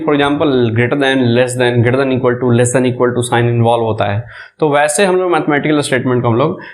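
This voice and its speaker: Bihari-accented male maths teacher, fairly high voice. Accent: Bihari Hindi. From India. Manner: repeats key terms as questions to the class, mixes English terms into Hindi. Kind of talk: classroom lecture.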